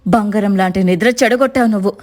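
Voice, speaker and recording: A woman voicing a sharp-tongued older mother-in-law in a cartoon, scolding and dismissive. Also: mid-range voice, fast, lightly acted. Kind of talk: cartoon voice acting.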